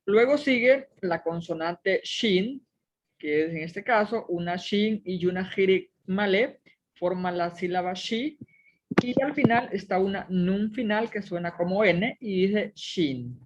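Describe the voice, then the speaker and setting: A woman's voice: mid-range voice, a little slow, muffled recording. A woman teaching a Hebrew reading lesson, methodically sounding out each syllable step by step.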